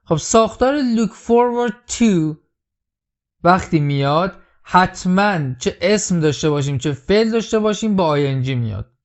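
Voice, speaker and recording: A man with a fairly high, expressive voice teaches English patiently, saying key phrases slowly and carefully. He repeats film lines slowly and then explains them as part of a language lesson. The recording is slightly dull and lo-fi.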